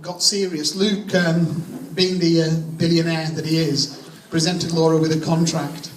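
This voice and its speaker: A man giving a jokey, informal best man's wedding toast, speaking haltingly with many false starts. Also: a little high, little pitch movement. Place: echoey room at a wedding gathering. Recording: distant mic in echoey room, audience noise. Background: crowd of guests reacting and laughing.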